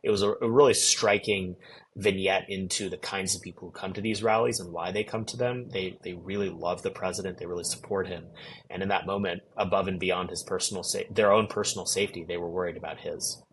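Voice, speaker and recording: A man giving an eyewitness account in an interview, speaking in a measured, reflective and articulate way. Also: low-pitched, steady tone, slight background noise, poor audio. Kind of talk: recounting events in an interview.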